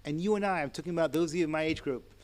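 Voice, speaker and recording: A man in his sixties giving a Torah lecture to an audience, animated and chatty, with asides and chuckles. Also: on the high side, racing. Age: 60s. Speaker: rabbi and lecturer.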